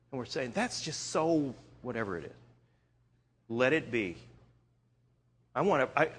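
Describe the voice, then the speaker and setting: A man from Eastern Canada preaching a sermon, telling stories in an animated way and often restarting his sentences. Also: a little high. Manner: animated storytelling with frequent restarts.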